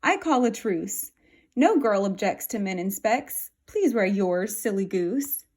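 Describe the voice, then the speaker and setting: A woman's voice: mid-range voice, expressive, measured pace, a little mellow. A woman voicing a young female mouse who teases and laughs, in a read-aloud storybook. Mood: teasing. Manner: laughing, teasing.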